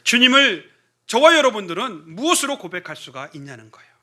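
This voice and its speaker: Animated Korean pastor preaching. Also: male voice, high voice, brisk. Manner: animated storytelling, acting out quoted voices. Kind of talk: sermon. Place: church sanctuary.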